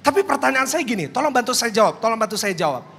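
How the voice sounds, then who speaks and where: Male pastor, high bright voice, lively colloquial sermon, long hall reverb. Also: fast talker, vocal fry, faint music behind. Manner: lively preaching, rising to loud calls to the congregation; jokes with the congregation in casual colloquial speech. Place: large church hall.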